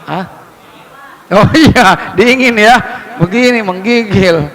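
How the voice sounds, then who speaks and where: A man preaching a lively, humorous sermon, joking with and questioning his congregation. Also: sits high, slow, long reverb tail, poor audio.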